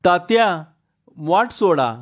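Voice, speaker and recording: A man voicing a bold young village girl, answering in short, high calls, in a dull lo-fi recording. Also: animated, slow pace, full character voice. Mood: eager.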